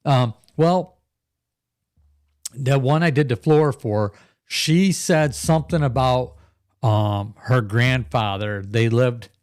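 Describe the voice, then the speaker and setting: A man's voice: mid-range voice, takes it slowly, smooth, no room sound, studio quality. Chatty man hosting a live stream. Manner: rambling, chatty, laughs often, reads viewer comments aloud. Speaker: live podcast host. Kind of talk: casual live-stream chat.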